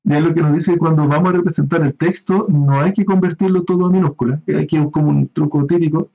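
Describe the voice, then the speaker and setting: A man's voice: fairly high pitch, fairly even intonation, fast talker, creaky, dark tone, highs cut off. A man giving a recorded online class, explaining step by step with frequent fillers and checking in with his students. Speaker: university lecturer.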